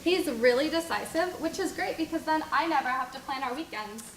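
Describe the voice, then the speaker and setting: A woman's voice: high voice, animated, brisk, background noise. A young woman playing a smitten college pledge who gushes about her boyfriend. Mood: defensive. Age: young adult. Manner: gushing, then unsure. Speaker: student acting in a skit. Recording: echoey room with faint ambience.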